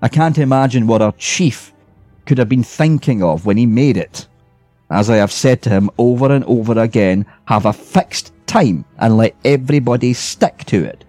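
A man's voice: medium pitch, normal speed, mellow, dry recording, faint music behind, lightly acted. A man reading a story aloud, voicing a weary, grumbling male ghost who is sociable but bitter. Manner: grumbling complaints, then friendly.

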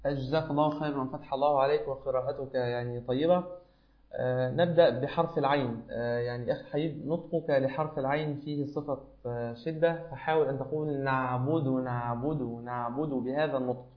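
A man's voice: mid-range voice, steady tone, fast, roomy sound, highs cut off. A man teaching Quran recitation who corrects a student's pronunciation patiently and repeats each sound to show it.

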